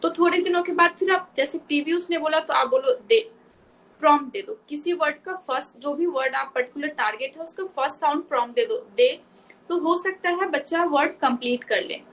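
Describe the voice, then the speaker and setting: A woman's voice: sits high, a little fast, hardly any pauses, fairly bright tone, low-quality recording. A woman speech therapist in a live online session, patiently explaining step by step to parents and mixing in English terms.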